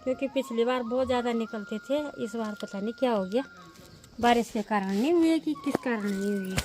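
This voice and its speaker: A woman's voice: fairly high pitch, a little fast, a little mellow, slight background noise. A woman from the Uttarakhand hills talking casually and matter-of-factly outdoors in a farm field. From Uttarakhand hills, India. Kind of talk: casual side conversation.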